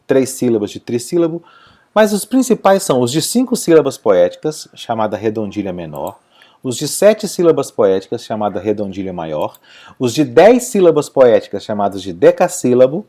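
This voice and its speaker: A man teaching a video lesson, his voice mellow and dark in tone. His pitch moves a lot as he explains step by step. He keeps checking that his listeners follow along. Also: sing-song, moderate pace.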